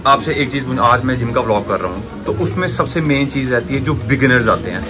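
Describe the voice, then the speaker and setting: Chatty young gym vlogger over loud music. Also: male voice, medium pitch, fast talker. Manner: chatty, excitable, slangy. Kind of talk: casual gym vlog. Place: busy gym, indoors. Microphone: handheld phone, selfie framing.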